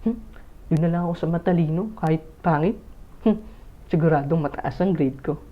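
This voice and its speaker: A man voicing a vain, scheming schoolgirl who muses in soft hums, recorded on a muffled earphone mic. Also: on the high side, fairly quick, close to an everyday voice. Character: vain teenage girl student, picky and scheming.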